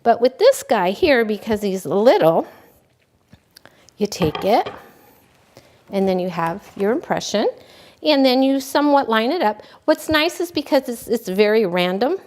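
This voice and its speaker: A woman cake decorating instructor giving a relaxed, folksy hands-on demonstration, talking as she works. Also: fairly high pitch, measured pace. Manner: folksy, relaxed, talks while working.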